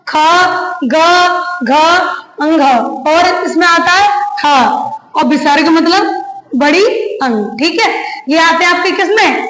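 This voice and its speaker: A woman teacher with a very high voice walks through a lesson slowly, repeating each point. She keeps asking her listeners questions and answering them herself. The room around her is echoey. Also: fairly bright tone, slight background noise. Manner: slow, repetitive, quizzing listeners with questions. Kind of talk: classroom lecture.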